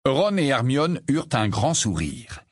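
Husky male audiobook narrator. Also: mid-range voice, no room sound, clean studio sound. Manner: measured, expressive reading. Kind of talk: scripted narration.

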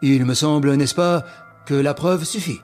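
A man's voice: on the high side, measured pace, a little mellow, soft background music, lightly acted. Man doing a pompous old magistrate. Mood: self-satisfied. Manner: pompous, emphatic, self-assured. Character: pompous older male examining magistrate, self-satisfied.

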